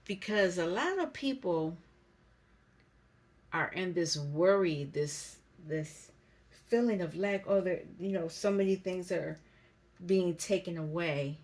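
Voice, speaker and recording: A woman giving a spiritual card reading to camera, speaking slowly and reflectively and reading card meanings aloud. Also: fairly low pitch, a little mellow. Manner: slow, reflective, reads card text aloud. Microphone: camera mic.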